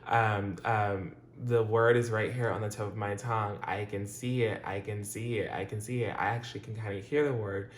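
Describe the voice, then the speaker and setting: A man's voice: on the low side, steady tone, normal speed, few pauses, slight background noise. A man hosting his own channel, giving a casual, rambling review of a TV episode with lots of fillers, restarts and laughs. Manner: chatty and loose, with frequent fillers, restarts and laughs. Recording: roomy echo.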